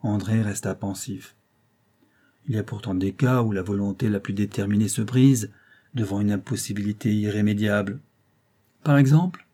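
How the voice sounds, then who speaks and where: A man reading a novel aloud in a measured, steady way. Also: fairly low pitch. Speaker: audiobook reader.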